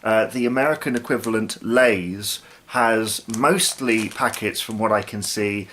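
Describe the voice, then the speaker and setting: A man's voice: on the low side, a little slow, a bit bright, a little hiss or hum. British man chatting casually to camera. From United Kingdom. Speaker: snack review video host. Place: small living room, indoors.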